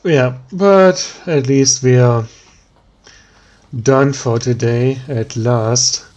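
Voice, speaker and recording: A man with a German accent giving tired, slow let's play commentary, thinking aloud with many pauses and ums. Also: mid-range voice, darkish tone, dull audio. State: tired, yawning. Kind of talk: relaxed gameplay commentary.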